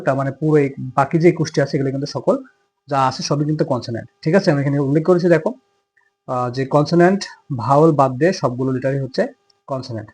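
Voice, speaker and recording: দ্রুত কথা বলা, খসখসে গলার শিক্ষক পুরুষ. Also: male voice, a little high, darkish tone, slightly rough. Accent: Bangladeshi. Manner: explains step by step, asks and answers his own questions. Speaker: teacher. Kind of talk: classroom grammar lesson.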